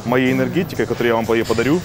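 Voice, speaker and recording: Young guy in his 20s talking fast to viewers at the gym, faint music behind. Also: medium pitch. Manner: chatty, addresses viewers directly. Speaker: bodybuilder guest. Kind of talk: casual talk to viewers. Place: indoor gym.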